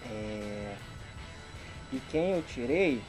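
A rough recording over music captures an animated but very slow, medium-pitched male voice. The speaker, a Brazilian YouTuber in his thirties, unboxes things outdoors in a rural garden with informal, slangy chat and appreciative exclamations, the camera placed a couple of meters away.

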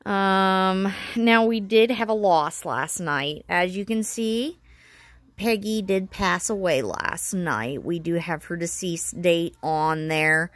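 Woman, slightly wheezy, recovering from a chest illness, lowish pitch, dry close sound, casual home vlog narration. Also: takes it slowly, no room sound. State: getting over pneumonia, with a cough. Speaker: home vlogger. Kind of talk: casual narration of a pet tour. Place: indoors at home.

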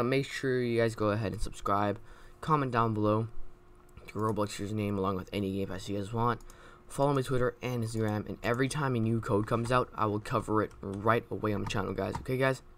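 A man's voice: lowish voice, fairly even intonation, fairly bright tone, a little hiss or hum. Young man rattling off game promos. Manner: repetitive, fast promo patter with many fillers. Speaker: gaming YouTuber. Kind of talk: casual gameplay commentary.

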